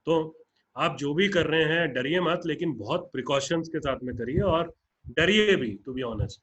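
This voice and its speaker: A man's voice: on the high side, expressive, measured pace, a bit bright, husky, low-quality recording. A man with an Indian accent speaks to partner groups in an online webinar, earnest and plain-spoken, slipping English phrases into his talk. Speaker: founder addressing partner groups. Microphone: video call.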